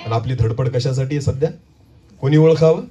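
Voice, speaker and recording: Male pastor, sermon, rhetorical questions, shouts then drops low, somewhat distant mic. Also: fairly quick, slight background noise. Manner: rhetorical questions, urging the congregation to answer; swings between shouting and quiet low phrases.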